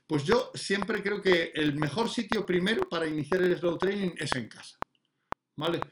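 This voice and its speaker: A man's voice: high voice, moderate pace. A man teaching dog training in a casual, explanatory way, with many fillers and restarts. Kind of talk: casual spoken lesson. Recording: noticeable background noise.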